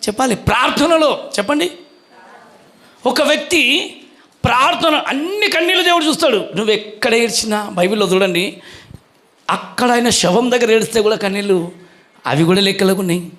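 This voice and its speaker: A man's voice: very high-pitched, lively intonation, moderate pace, pauses often, fairly bright tone. A male pastor preaching a sermon, questioning the congregation and calling for their answers.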